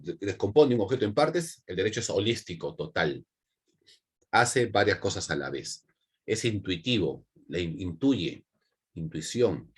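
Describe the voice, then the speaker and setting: Husky Peruvian man teaching online. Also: on the low side. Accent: Peruvian Spanish. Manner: repetitive, asks for checks with "¿no?" and "¿ya?". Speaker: psychology teacher. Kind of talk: online class lecture.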